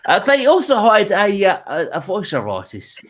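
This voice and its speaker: A man's voice: sits high, wildly swooping pitch, normal speed, fairly bright tone. A man doing a stand-up comedy set, chatty and stumbling, mocking himself.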